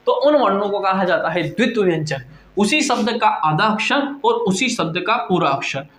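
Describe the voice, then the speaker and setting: A man's voice: high-pitched, a bit bright. A male teacher giving a lecture, asking questions and answering them himself. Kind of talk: classroom lecture. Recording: echoey room.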